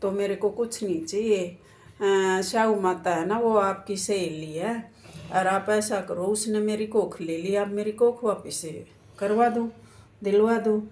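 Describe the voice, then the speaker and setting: A woman's voice: medium pitch, slow, darkish tone, natural voice. Woman voicing a humble, pleading young daughter-in-law. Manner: respectful, pleading.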